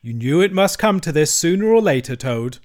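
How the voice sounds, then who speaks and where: A man's voice: medium pitch, animated, moderate pace, close to an everyday voice. A man voicing a solemn, commanding old male badger in a storybook reading, grave and firm. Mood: severe.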